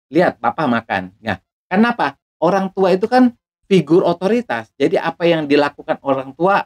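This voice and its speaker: A man, a doctor and hypnotherapist, giving an educational talk to camera. He explains patiently and briefly acts out things parents say. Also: a little high.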